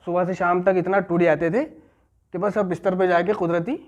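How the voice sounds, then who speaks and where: Man leading a recovery class, somewhat high. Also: little pitch movement, normal speed, a little mellow. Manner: checks in with listeners, repeats key phrases. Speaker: addiction recovery class leader. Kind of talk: storytelling lecture. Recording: muffled lo-fi recording.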